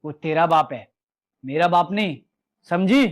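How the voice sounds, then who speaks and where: A man's voice: on the high side, a little slow, natural voice. An actor playing a domineering young husband who talks harshly and hurls insults at his wife and her father. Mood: angry.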